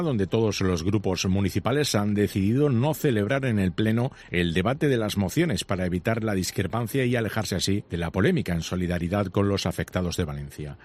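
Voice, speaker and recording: Fast-talking male radio news reporter. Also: on the low side, a little mellow. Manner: fast, scripted reporter delivery.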